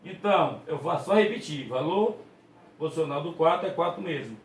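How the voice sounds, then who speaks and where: A man's voice: fairly high pitch, a little fast, slight background noise. A man teaching a math lesson, patiently repeating points, asking rhetorical questions and correcting himself mid-sentence. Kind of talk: explaining a lesson to students. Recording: echoey room.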